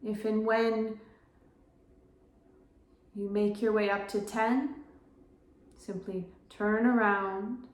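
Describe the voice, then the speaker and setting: A woman leads a breath-counting meditation at a very slow, unhurried pace. Her mid-pitched voice gives gentle instructions in short, spaced phrases. The sound is roomy, with a noticeable echo. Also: fairly even intonation. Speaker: meditation guide.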